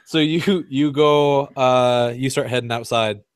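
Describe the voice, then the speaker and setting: A man's voice: medium pitch, a little slow, clear, resonant tone, no echo, studio quality. A man running a tabletop role-playing game, casual and a bit tipsy, often laughing and restarting his sentences. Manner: laughing, loose, stumbling restarts. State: tipsy from wine. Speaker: game master. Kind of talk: narrating a tabletop role-play.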